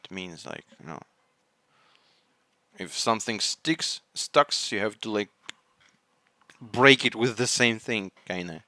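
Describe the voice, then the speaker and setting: A man's voice: on the low side, lively intonation, slow pace, pauses often, bright, forceful tone, dry recording. A non-native English-speaking man hosting an anime reaction, talking casually and rambling as he searches for words. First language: not English. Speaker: anime reaction channel host.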